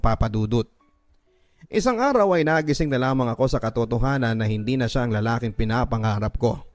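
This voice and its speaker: With music running underneath, a radio drama host with a Filipino accent reads out a listener's letter as emotive, scripted first-person narration. He has a medium-pitched, slightly mellow voice, and the recording is dry.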